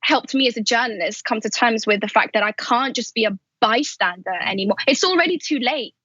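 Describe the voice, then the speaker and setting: A woman with a slightly high, bright, forceful and somewhat rough voice talks fairly quickly. A journalist and podcast host raised in Afghanistan, Pakistan and Saudi Arabia, she speaks candidly and with animation in an interview over a remote call from a house in London. The audio is dull, with no room sound.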